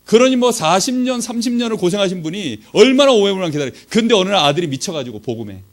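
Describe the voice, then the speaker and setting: Korean guy preaching, tells his story, voice swings all over, kinda high. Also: big pitch swings, fast talker. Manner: storytelling, acts out quoted dialogue, rhetorical questions. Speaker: pastor. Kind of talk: sermon with personal testimony. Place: church training session.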